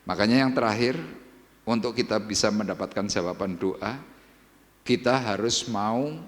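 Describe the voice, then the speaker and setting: A man with a Javanese accent preaching a sermon, swinging from soft asides to loud outbursts and questioning the congregation. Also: on the low side, in a large hall. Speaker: pastor. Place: church hall.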